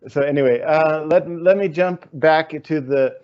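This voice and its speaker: A man's voice: on the high side, clean tone, highs cut off. A man hosting an interview, posing long, searching questions and thinking aloud with fillers. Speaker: interview host.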